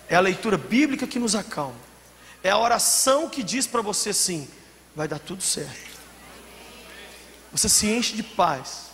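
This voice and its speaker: A man preaching a sermon as a pastor, telling stories and acting out scenes with sudden shouted outbursts. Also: sits high, slight background noise. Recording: long hall reverb, faint ambience.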